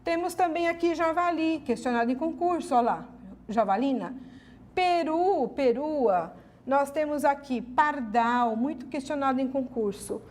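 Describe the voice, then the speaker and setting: High-voiced, lively Brazilian woman teacher. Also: unhurried. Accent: Brazilian Portuguese. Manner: asks herself the students' questions and answers them; lively, emphatic, many "ok?" and "né?" tags. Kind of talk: exam-prep grammar lesson.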